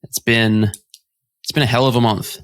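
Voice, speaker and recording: A man's voice: mid-range voice, fairly even intonation, moderate pace, a bit bright. Man, podcast co-host, casual chat, laughs a lot, rambling. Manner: laughs often, rambling with restarts. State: recovering from covid.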